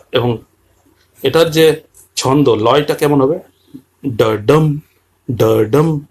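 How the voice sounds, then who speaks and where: Man, teacher, husky voice, patient explanation, slow drawn-out quoted lines. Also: mid-range voice. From Bengal region. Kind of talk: explaining a poem line by line.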